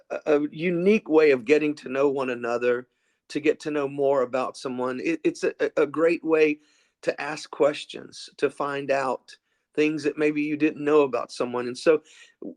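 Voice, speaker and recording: A man's voice: on the high side, normal speed, darkish tone. A man co-hosting a podcast, talking casually and restarting phrases. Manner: casual, chatty, some restarts. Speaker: podcast co-host. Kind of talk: podcast interview.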